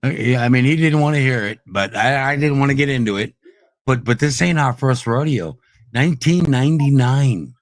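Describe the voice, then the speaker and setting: Brief: man, lowish voice, aggressive profane streamer rant, loud then growling. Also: creaky, no room sound. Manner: profane, aggressive, swings between shouting and low growls. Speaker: streamer ranting at online trolls. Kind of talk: heated livestream rant.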